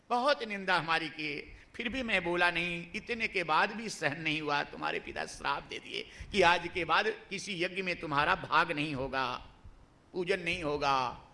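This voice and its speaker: A man voicing a calm, patient male god who reasons gently with his wife. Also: high voice, exaggerated voice.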